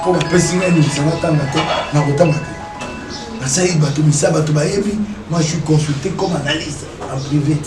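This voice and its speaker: A man's voice: a little high, brisk, over music. Emphatic man, echoey and distant. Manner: emphatic, repeats phrases, rhetorical questions. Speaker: interview guest. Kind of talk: animated interview talk, mixing French and Lingala.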